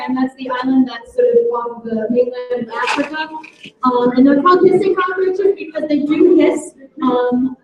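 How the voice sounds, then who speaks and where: Woman science educator, high voice, lots of ums, far off in a really echoey room. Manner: explains patiently with frequent ums. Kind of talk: live explanatory talk. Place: indoor science center exhibit with visitors. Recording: echoey, distant, dull.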